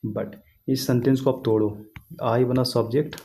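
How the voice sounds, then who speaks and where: A man's voice: medium pitch, steady tone, moderate pace, mellow, a little hiss or hum. A man teaching English grammar in a casual classroom style, repeating points and checking that students follow. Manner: repetitive, asks students questions, writes on a board.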